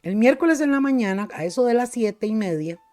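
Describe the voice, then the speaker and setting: A woman's voice: fairly high pitch, animated, brisk, mellow, faint music behind. A middle-aged woman pastor with a Costa Rican accent, preaching a sermon and telling a personal testimony with fervor, often addressing her listeners as brothers and sisters. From Costa Rica. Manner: fervent storytelling, calls listeners brothers and sisters.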